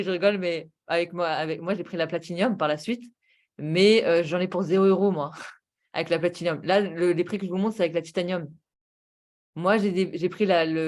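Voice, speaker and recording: A woman's voice: lowish voice, a little mellow. A woman giving a casual, persuasive sales presentation of a travel booking platform, enthusiastic and full of rhetorical questions and fillers. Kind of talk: casual sales presentation over screen share.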